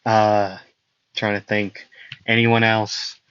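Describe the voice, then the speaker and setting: A man's voice: on the low side, flat delivery, slow pace, fairly bright tone, smooth, dry recording. A young man improvising a fan-fiction story, rambling with many fillers and self-corrections. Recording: dull lo-fi dry recording.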